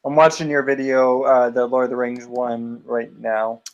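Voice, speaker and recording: A man's voice: medium pitch, little pitch movement, normal speed, lo-fi sound. A male streamer chatting casually, mumbling to himself while he browses. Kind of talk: casual chat.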